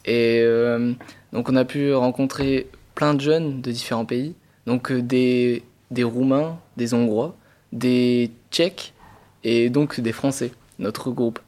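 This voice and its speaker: A man's voice: medium pitch, steady tone, slow, a little mellow. Hesitant teenage boy. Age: teen. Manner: hesitant, many fillers. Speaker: high school student.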